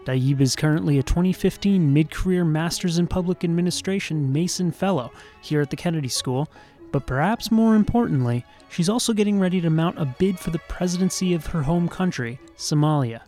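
A man hosts a policy podcast, with a voice a little higher than most men's. He reads his intro politely and asks questions in a measured way, tripping on a word now and then. Faint music plays underneath. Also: animated, dark tone. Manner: polite and measured, with small stumbles when improvising. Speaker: podcast host. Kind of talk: scripted intro and interviewing.

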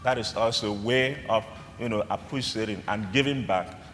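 Man, priest, sermon, measured phrasing, cathedral echo, faint room hum. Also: on the low side, fairly bright tone. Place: large church. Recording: long church reverb, faint room ambience.

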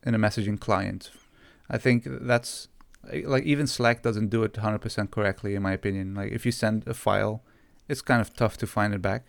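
A man's voice: fairly low pitch, fairly even intonation, brisk, gravelly, few pauses, no room sound. A man co-hosting a podcast, chatting casually and slipping into joking, mock-dramatic rants. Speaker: podcast co-host. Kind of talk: casual chat.

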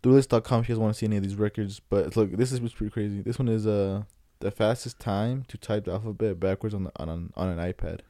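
A man's voice: on the low side, steady tone, fast talker, hardly any pauses, dark tone, no room sound, clean studio sound. A young man chatting casually and reading out facts in a slangy, swearing frat-boy way. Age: young adult. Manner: bro-ish, slangy frat-boy talk with frequent swearing.

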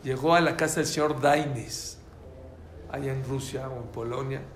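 A man's voice: mid-range voice, moderate pace, reverberant, a little hiss or hum. A man with a Mexican Spanish accent teaching a religious class, telling stories and quizzing his listeners. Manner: animated, quizzes the audience.

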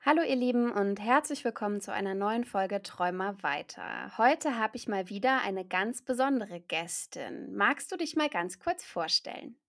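Woman podcast host, chatty and upbeat, mid-pitched, casual interview talk. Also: animated, moderate pace, creaky, few pauses.

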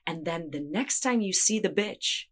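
A woman's voice: on the low side, animated, moderate pace. A woman in casual conversation, explaining ideas in a reflective, spiritual way.

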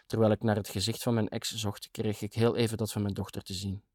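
A man's voice: lowish voice, level tone, brisk, a little mellow, dry recording, studio quality. A middle-aged man narrating a first-person novel in a dramatic, sardonic tone.

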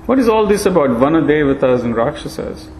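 A man's voice: fairly high pitch, sing-song, brisk, slight background noise, poor audio. A man voicing a frail, ancient male monkey who talks in a shrewd, rambling way in a storybook reading. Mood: amused. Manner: rambling, gently scolding. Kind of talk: storybook narration.

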